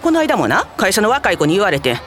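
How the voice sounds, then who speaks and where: An actress in her forties playing a blunt, stubborn Osaka woman with an Osaka accent, firing off quick comebacks in a comic radio drama. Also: medium pitch, wildly swooping pitch, slight background noise. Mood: teasing. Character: brash Osaka woman, office worker, stubborn.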